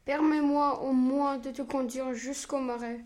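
An eager, loyal teenage boy from a storybook, voiced by a woman reading aloud. He pleads earnestly, in a high voice. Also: fairly even intonation, measured pace, a little mellow.

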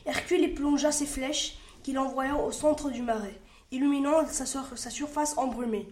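A woman reads a storybook aloud carefully, sometimes restarting words. Her voice is high. The room gives a roomy echo. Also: normal speed, a little mellow.

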